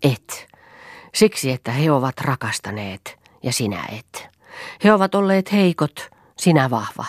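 A woman reading an audiobook, voicing a passionate man who pleads intensely with an old friend, her voice breathy and dry. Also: rumbling low, big pitch swings, no room sound, heavily acted. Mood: pleading.

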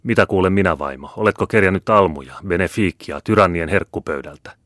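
A man's voice: deep voice, fairly bright tone, no echo, clean studio sound. A man reading the part of an aging, proud and irritable imprisoned scholar with grandiose outbursts. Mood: indignant. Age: older.

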